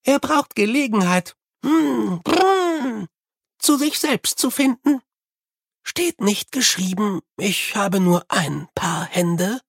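Old sweeper monk in an audiobook, calm, musing and slow, dry close recording , read by the narrator. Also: mid-range voice, creaky, breathy edge, no echo, pitched above the performer's own voice, full character voice.

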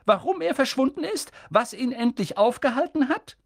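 A man voicing a stern, sharp-tongued elderly female witch professor in an audiobook reading, pushing his voice up high and insistent. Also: expressive, normal speed, vocal fry, full character voice. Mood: agitated. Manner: insistent, agitated, high strained voice. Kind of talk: audiobook character voice.

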